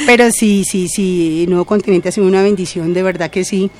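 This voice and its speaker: A woman's voice: on the low side, brisk. Older Colombian woman telling her story. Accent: Colombian Spanish. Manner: animated testimony. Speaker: radio listener guest. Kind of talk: casual on-air chat.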